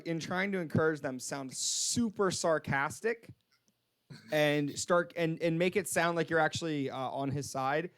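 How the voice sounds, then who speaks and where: A man's voice: on the high side, a bit bright, smooth. Chuckling man running a tabletop game. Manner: laughs often, many fillers and restarts. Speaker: game master. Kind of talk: narrating a tabletop role-playing game.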